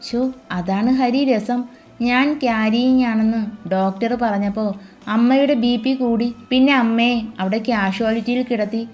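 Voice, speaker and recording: A woman voicing a young wife who is sweet and easily moved, speaking in a soft, emotional voice. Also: fairly high pitch, fairly even intonation, moderate pace, natural voice.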